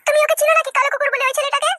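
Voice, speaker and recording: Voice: very high voice, level tone, rapid-fire, sharp tone, pitched above the performer's own voice. A performer voicing a timid young village girl in a comic cartoon dub, pleading and girlish. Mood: anxious.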